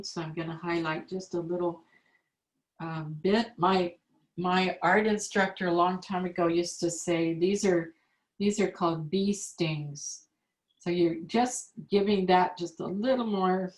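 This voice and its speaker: A woman teaching an online calligraphy class, patiently explaining each step as she demonstrates. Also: on the low side. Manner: slow, patient step-by-step instruction. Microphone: video call. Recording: echoey room on a video call.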